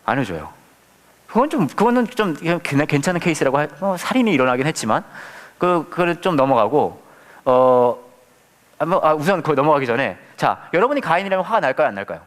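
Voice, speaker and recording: Playful Korean pastor with a lively voice. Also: male voice, on the high side, fairly quick, in a large hall. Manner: playful, asks the audience many questions, acts out quotes with humor. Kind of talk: casual Bible study teaching.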